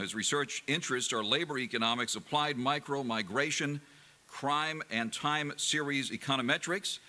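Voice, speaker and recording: A man emceeing an event, reading formal introductions in a measured, scripted way. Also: medium pitch, sharp tone. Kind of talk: scripted announcing.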